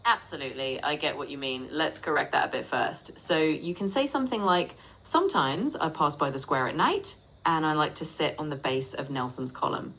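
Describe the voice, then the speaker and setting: Low, lively-voiced female AI tutor. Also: moderate pace, few pauses, slightly rough, low-quality recording. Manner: patient, reassuring, repeats corrections. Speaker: AI English tutor. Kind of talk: conversational language tutoring.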